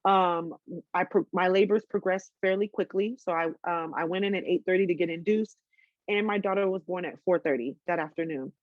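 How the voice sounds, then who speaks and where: A woman's voice: on the low side, brisk, dry recording, narrow, tinny audio. A woman in her twenties telling a personal story in a casual interview, candid, with many ums and restarts. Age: 20s.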